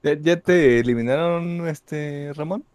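Mexican guy in a quiz with friends, slightly higher voice, slow and hesitant. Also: darkish tone, dry recording. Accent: Mexican Spanish. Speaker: quiz player. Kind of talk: casual banter among friends.

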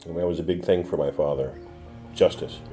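A middle-aged man, a defense attorney, telling a personal story in an interview in a reflective, measured way with pauses. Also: low-pitched, steady tone, music in the background. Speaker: defense attorney, former prosecutor. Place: his law office.

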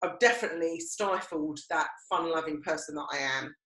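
Brisk, low-pitched and a bit bright, this voice comes from a middle-aged Romford woman with an Essex accent. She co-hosts a podcast, sharing personal stories in a conversational style, and the recording is roomy and echoey.

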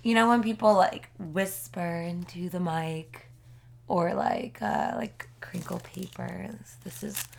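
A woman's voice: on the low side, fairly even intonation, slow, vocal fry, a little hiss or hum. A woman chatting casually on a podcast, rambling and full of "like", who is losing her voice and laughs often. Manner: rambling, peppered with "like". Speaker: podcast co-host. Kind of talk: casual chat.

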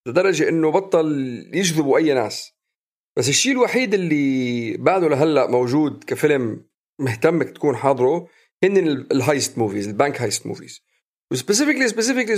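A man with a Levantine Arabic accent in casual film discussion as a co-host, switching between Arabic and English. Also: fairly high pitch. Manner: mixes English phrases into Arabic.

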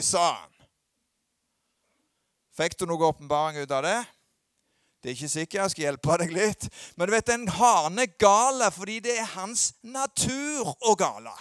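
Emphatic pastor preaching. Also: male voice, clear, resonant tone, no room sound, clean studio sound. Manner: swings between loud emphatic peaks and low quiet asides. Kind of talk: sermon.

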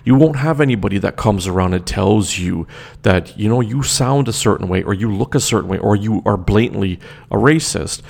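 A Canadian podcast host with a fairly low, creaky, slightly mellow voice delivers opinionated solo commentary on his own show. He talks briskly and expressively into a desk mic, emphatic and full of fillers and restarts.

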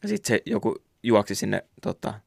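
A young man with a low, gravelly voice talks loosely on a podcast, circling around his point and dropping casual swears. The sound is close and dry, with no room around it. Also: big pitch swings, darkish tone, no room sound. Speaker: podcast co-host. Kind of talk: casual chat.

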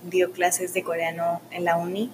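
A young woman, answering interview questions in a soft, filler-heavy casual way. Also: on the low side, completely flat delivery, moderate pace, noisy background. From Mexico. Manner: soft-spoken, uses many fillers like "o sea" and "como que".

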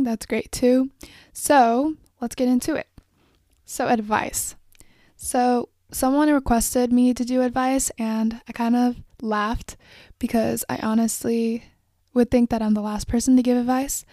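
A woman's voice: fairly high pitch, dark tone, no room sound, clean studio sound. A young woman in her late teens hosting a casual solo podcast, rambling and reflective with frequent fillers. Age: young adult. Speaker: podcast host. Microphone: phone and microphone.

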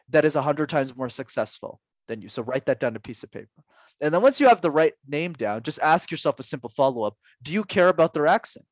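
A public speaking coach in his twenties answers interview questions earnestly and emphatically, packing in rhetorical questions. His voice is on the high side, with no echo.

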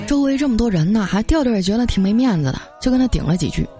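Speaking rapid-fire at a fairly high pitch, a young female podcast host reads amusing everyday anecdotes with light music playing underneath. She tells them in a chatty, storytelling style, giving the quoted voices plenty of life.

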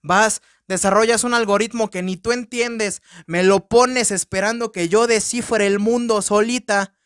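A man with a Mexican Spanish accent voicing a protective female killer doll who talks in a blunt, crude, deadpan way. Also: sits high, unhurried, clean tone, no echo, studio quality.

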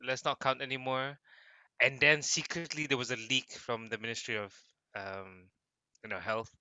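A man's voice: medium pitch, fairly even intonation, normal speed, sharp tone, clean tone, dry recording. A man from Brunei, co-hosting a podcast in an easygoing way and laughing often. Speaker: podcast co-host and teacher. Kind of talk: casual podcast banter.

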